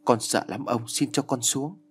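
A man's voice: mid-range voice, very animated, fairly quick, slight background noise. A man voicing a frightened young woman who cries and pleads, in a storybook reading. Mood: pleading. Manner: crying, begging.

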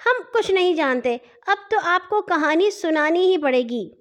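Storybook little girl, high and bouncy, stubborn and wheedling, a woman narrator puts her on. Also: expressive, dull audio. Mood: pleading. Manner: coaxing, childlike pleading.

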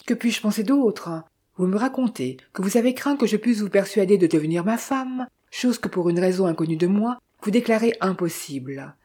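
A woman reading the part of a proud gentleman thief in love, speaking in an earnest, insistent way. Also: medium pitch, lively intonation, moderate pace, slightly rough.

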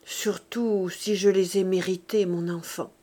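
A remorseful, tender old mother, as a woman reader gives her voice. She speaks softly and pleads with feeling. It sounds like dialogue in a read novel. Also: medium pitch, expressive, a little slow. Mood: pleading. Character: aging peasant mother, grave, tender, remorseful.

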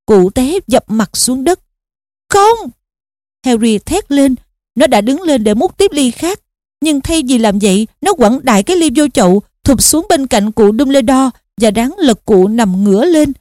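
A woman reading an audiobook aloud in a steady, expressive storytelling manner. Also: sits high, moderate pace, no echo, clean studio sound. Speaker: audiobook narrator.

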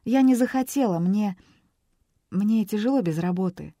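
Brief: woman doing a tearful young woman in an audiobook, trembling, warm tone. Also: mid-range voice, moderate pace, dry recording, clean studio sound, voice pushed up, lightly acted. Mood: embarrassed, polite. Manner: trembling, emotional.

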